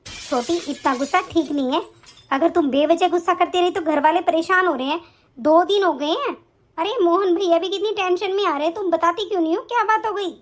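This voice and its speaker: A woman voicing a calm, caring elder daughter-in-law in an animated story. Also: very high voice, a little fast. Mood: reassuring. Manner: soothing, reassuring.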